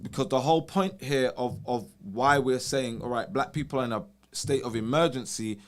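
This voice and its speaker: A man's voice: medium pitch, normal speed. A man hosting a wellness consultation over a video call, explaining things in a casual way and often checking in with "you know" and "right?". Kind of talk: casual advisory chat.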